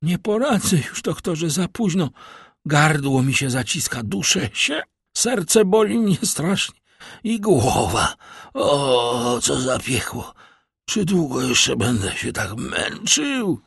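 Man reader doing a poisoned old manservant: high, strained, wailing, lively swings. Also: slow, breathy edge, dry recording, clean studio sound, full character voice. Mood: agonized. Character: old male servant, poisoned, pleading in agony. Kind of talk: audiobook character voice.

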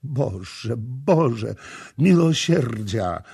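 A man's voice: medium pitch, expressive, slow pace, gravelly, mellow, slightly rough, pitched above the performer's own voice, exaggerated voice. A man voicing a frightened pleading young mother. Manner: pleading, fearful. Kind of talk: audiobook character voicing.

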